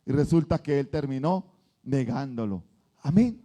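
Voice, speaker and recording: A male pastor, preaching an animated sermon and acting out the voices of churchgoers. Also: mid-range voice, unhurried.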